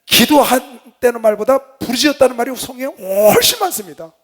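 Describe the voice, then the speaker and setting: A man, a pastor giving a Bible lecture sermon, fervently swinging between loud exhortation and quiet asides. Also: very high voice, lively intonation, a little fast, slightly rough. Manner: tells personal stories with laughter.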